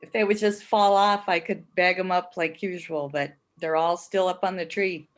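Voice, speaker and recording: A woman in casual chat, telling stories in a chatty, animated way. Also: lowish voice, moderate pace.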